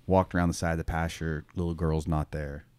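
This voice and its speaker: This man's voice is very deep, clear and resonant, a little fast, with no echo. He is a schoolteacher co-hosting a podcast, casually rambling through a story with lots of "you know" and "um" and an occasional laugh.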